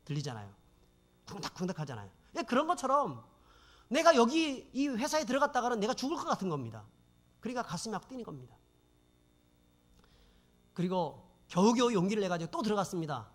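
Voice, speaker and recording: Man, pastor, sermon testimony, dramatic storytelling, speaks to congregation, high pitch. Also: sing-song, a little fast, long pauses.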